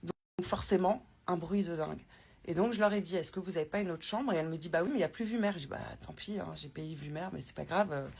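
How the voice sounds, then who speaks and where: A woman's voice: on the low side, fast talker, gravelly, darkish tone, breathy edge. A woman vlogging casually from a hotel room, rambling and chatty with many fillers and restarts, recorded on a handheld phone. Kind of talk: casual travel vlog chat.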